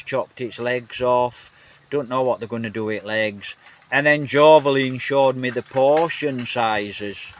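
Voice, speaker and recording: A vlogger with a Northern English accent chats casually into his phone, rambling, repeating himself, and using lots of fillers. His voice is medium-pitched and fairly bright, and the phone starts out handheld before moving onto a gimbal.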